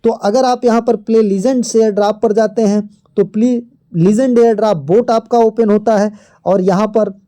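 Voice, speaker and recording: Tutorial narrator, mellow tone, middle pitch, steady step-by-step delivery. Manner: steady step-by-step explaining, keeps pointing things out on screen. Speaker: crypto app tutorial host. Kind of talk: screen-recorded walkthrough.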